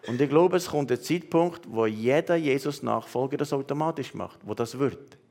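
Swiss German male pastor, earnest, personal prophetic sermon delivery with halting pauses. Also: medium pitch, a little mellow. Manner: earnest, addresses listeners directly, many hesitations.

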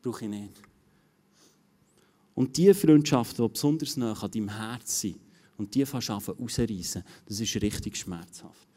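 A man with a fairly low, dark-toned voice preaches a sermon at a normal pace. He is earnest, repeats his phrases, restarts, and acts out quoted inner voices.

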